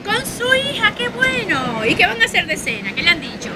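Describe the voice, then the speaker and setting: A woman's voice: extremely high pitch, brisk. Woman street reporter, handheld mic, traffic noise around. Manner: lively, chatty questioning. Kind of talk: street interviews. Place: city sidewalk outdoors.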